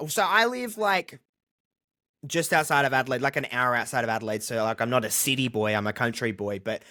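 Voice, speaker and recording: Speaking briskly in a medium-pitched, pushed and bright voice, an Australian man appears as a podcast guest in a relaxed conversational interview. His tone is candid, with a self-deprecating, joking streak.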